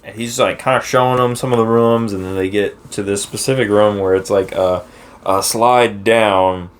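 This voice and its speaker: A man's voice: lowish voice, fairly even intonation, normal speed. A man in casual chat about a movie, laid-back, adding plot details. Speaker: co-host.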